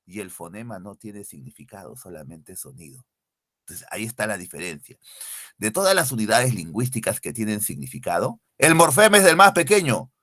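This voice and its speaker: A man's voice: on the low side, very animated, brisk, a bit bright, dry recording, studio quality. A male teacher giving an online exam-prep class, repeating key definitions and quizzing his students directly. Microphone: computer mic, screen sharing.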